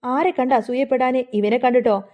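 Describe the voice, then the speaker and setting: A woman's voice: sits high, fairly even intonation, normal speed, muffled recording, close to an everyday voice. A woman voicing a proud, confident young businessman who speaks in a mocking, self-assured way.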